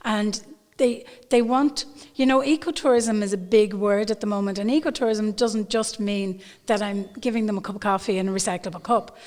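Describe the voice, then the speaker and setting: An animated woman from Ireland talks as a tour guide on a panel and leans hard on key words. She is recorded in a large old brewery room, and the sound has a long, echoing reverb. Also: medium pitch, normal speed. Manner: animated, emphatic, repeats for stress. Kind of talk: panel discussion.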